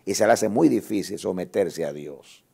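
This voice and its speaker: Male guest pastor, dark gravelly voice, emotional sermon testimony with repeated words. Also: sits low, animated, moderate pace. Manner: emotional testimony, repeats words, rises to loud scripture reading.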